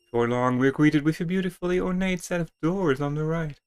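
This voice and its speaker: His voice is on the high side, clear and resonant, a little mellow, and slightly quick. He's a video game player and streamer who reads the game's text theatrically, stumbling through it while chatting casually.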